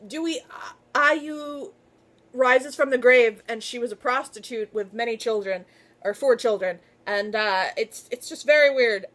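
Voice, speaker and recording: A woman talking casually to her viewers in a book haul video, gushing and excitable. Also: on the high side. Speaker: book vlogger.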